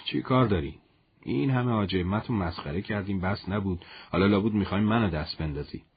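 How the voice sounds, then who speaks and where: A man's voice: sits low, husky, muffled recording. A man voicing an earnest young soldier. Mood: indignant. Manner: indignant, protective of his commander. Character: earnest young male volunteer soldier, touchy.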